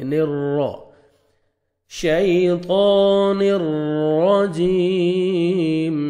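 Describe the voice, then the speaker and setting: A man with a Pakistani Urdu accent teaching Quran recitation rules, patiently explaining step by step and chanting verses slowly. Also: on the high side, dark tone.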